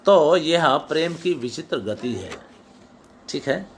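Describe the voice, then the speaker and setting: A middle-aged man lectures on classical poetics in a voice pitched a little high for a man. He quotes a line, then unpacks it piece by piece, stumbling and restarting words as he goes. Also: lively intonation, takes it slowly, slight background noise. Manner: explanatory, repeats and restarts words, quotes verses then glosses them. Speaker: teacher.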